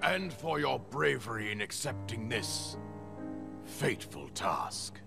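Brief: old king, very gravelly, slow and solemn, music underneath. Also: medium pitch, big pitch swings, sharp tone, heavily acted. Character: aged male king addressing warriors. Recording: game audio with music behind.

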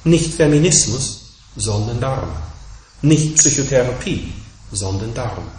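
A man's voice: mid-range voice, expressive, darkish tone, slight background noise. Emphatic male dharma teacher, echoey room. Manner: emphatic, measured, builds points in insistent repeated contrasts. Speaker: Buddhist teacher. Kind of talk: dharma talk to an audience.

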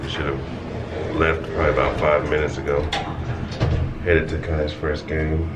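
A man vlogging casually through a face mask, relaxed and rambling as he catches his viewers up. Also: very deep voice, moderate pace, heavy background noise. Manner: relaxed, rambling, laughs easily. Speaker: family vlogger. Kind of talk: casual vlog chat to camera.

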